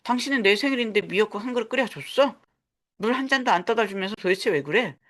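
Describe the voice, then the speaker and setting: A woman voicing a grown son who shouts at his wife in exasperation. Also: fairly high pitch, lively intonation, fast talker, pitched above the performer's own voice, natural voice. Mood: angry.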